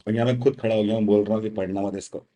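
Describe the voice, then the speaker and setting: Mellow-voiced Indian man teaching casually. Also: lowish voice, fairly even intonation, very fast. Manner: chatty, teasing, mixes Hindi and English. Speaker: test prep teacher.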